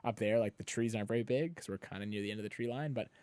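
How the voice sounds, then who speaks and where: Guy rattling off stories fast, lowish voice, tons of "like" in there. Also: a little mellow, dry recording. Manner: rambling, many "like" fillers, frequent laughs. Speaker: guest, kayak explorer. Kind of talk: casual podcast conversation.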